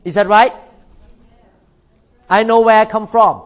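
In lo-fi sound, a high-pitched, steady-toned older Thai man preaches a sermon in church as a pastor. He emphasizes his points by drawing out key words.

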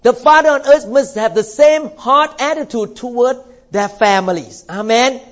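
Preaching in church, this older pastor from Thailand has a very high, fairly bright voice. He leans on emphatic, drawn-out stresses, lengthening important words, and the audio sounds muffled.

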